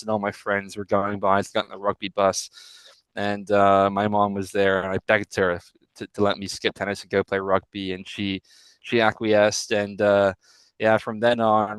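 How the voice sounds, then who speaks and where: A young man from Hong Kong speaks as a guest on a casual podcast, his voice sitting low. He goes on at length and corrects himself mid-sentence as he explains. The sound is dry, with no room around it. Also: clear, resonant tone, no room sound, poor audio. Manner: expansive, talks at length with self-corrections. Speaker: guest, rugby player.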